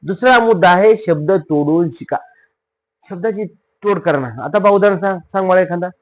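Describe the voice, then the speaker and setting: High-voiced man teaching spelling. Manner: asks questions for the students and answers them himself; spells words slowly letter by letter. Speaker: English teacher. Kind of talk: spoken classroom-style lesson.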